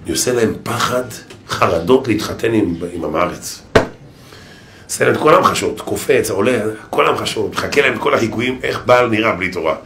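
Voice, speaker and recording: A man's voice: fairly low pitch, slight background noise. A man, a rabbi, giving a humorous sermon full of stories and impressions. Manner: lively storytelling with impressions.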